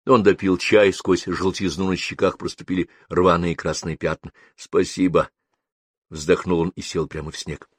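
A man reads a first-person story aloud as an audiobook, in a measured storytelling manner. His voice sits fairly low. The recording is dry and close, with no room sound. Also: level tone, breathy edge, no echo. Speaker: narrator. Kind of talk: audiobook narration.

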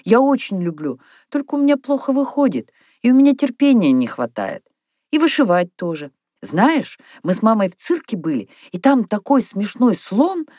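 A woman reading aloud, voicing an excitable, scatterbrained little girl who exclaims a lot. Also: on the high side, moderate pace, no room sound, clean studio sound, pitched above the performer's own voice. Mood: excited. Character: scatterbrained giggly little girl, easily sulky.

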